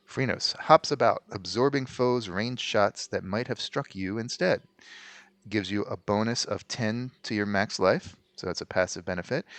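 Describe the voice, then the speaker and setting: A man in his thirties giving casual gameplay commentary, slightly hoarse with a low growl, chatty and full of ums and restarts. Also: a bit bright, dry recording. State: voice going hoarse. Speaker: let's play host.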